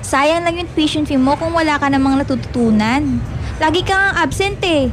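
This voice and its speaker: In a radio drama with faint background music, a young adult woman voices an earnest young female student who scolds indignantly and sounds annoyed. Her natural, high-pitched voice carries a Filipino accent at a moderate pace, and she mixes Tagalog with English.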